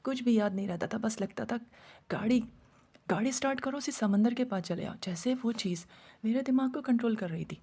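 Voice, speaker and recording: Woman, horror story narration, husky, gravelly, dark mellow tone, dramatic. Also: fairly high pitch.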